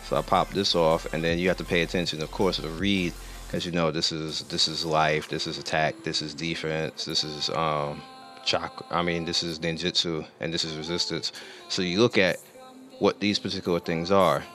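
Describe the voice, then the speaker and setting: A man's voice: very deep voice, little pitch movement, normal speed, sharp tone, faint music behind. A man hosting a gaming channel, talking casually through game menus, rambling and correcting himself as he goes, and losing his voice. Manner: rambling, self-correcting, explains while clicking through menus. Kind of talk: casual gameplay commentary.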